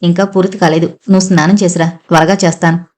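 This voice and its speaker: A woman's voice: lowish voice, little pitch movement, fast talker, lightly acted. A woman reading the lines of a shy, hesitant young wife in an audio novel. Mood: light. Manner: hesitant, soft, pleading.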